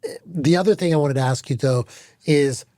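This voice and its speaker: A man's voice: fairly high pitch, a little fast, warm tone, no room sound, clean studio sound. A man hosting a casual interview. He is affirming and curious and asks follow-up questions. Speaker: podcast host.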